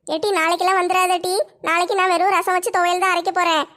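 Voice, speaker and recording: A woman's voice: extremely high pitch, little pitch movement, quick pace, a bit bright. A woman voicing a bossy, scolding middle-aged village woman in a cartoon. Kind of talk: cartoon voice acting.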